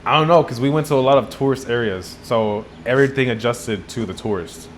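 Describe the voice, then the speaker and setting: A man's voice: medium pitch, a little fast, a little hiss or hum. A young man with a Texan accent, co-hosting a casual podcast chat, rambling through stories with frequent laughs and acted-out quotes. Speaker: podcast co-host back from a trip.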